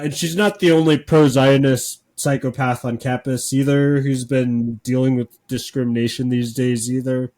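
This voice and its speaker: Podcast guy being super sarcastic in a flat deadpan way, medium voice, lots of ums. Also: medium pitch. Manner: deadpan sarcastic, many filler words. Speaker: podcast co-host. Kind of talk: casual sarcastic podcast chat.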